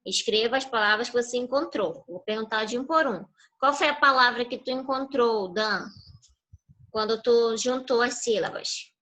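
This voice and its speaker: A woman's voice: on the high side, normal speed, pushed and bright, poor audio. A woman teacher giving a patient online review class to young children over a video call, prompting them with fill-in questions.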